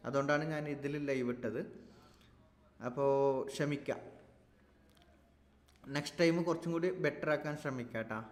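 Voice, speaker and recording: A man's voice: medium pitch, moderate pace, pauses often. A man with a Malayali accent hosting a casual live stream, chatty and reassuring, repeating himself as he sorts out tech problems. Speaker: YouTube live stream host. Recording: echoey room with long reverb, faint noise.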